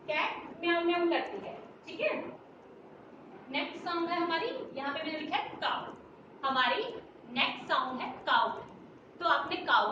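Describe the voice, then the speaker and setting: Roomy high-voiced teacher woman. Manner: sing-song, mixing Hindi and English, asking questions. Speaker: nursery teacher. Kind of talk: children's lesson. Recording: roomy, distant, dull, noisy.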